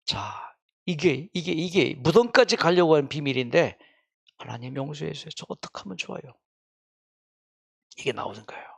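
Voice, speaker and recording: A man delivers a faith-based health lecture, moving between quiet narration and questions to the audience. His voice sits a bit high for a man and has a strong gravelly fry. He speaks like a regular speaker of the lecture series. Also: lively intonation, moderate pace, long pauses.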